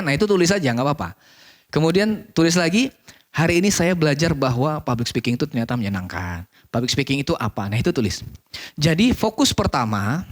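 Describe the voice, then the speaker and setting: A man teaching a public speaking course, often asking questions and answering them himself, repeating key phrases for emphasis. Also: a little high. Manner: animated, asks and answers his own questions. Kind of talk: online course lesson.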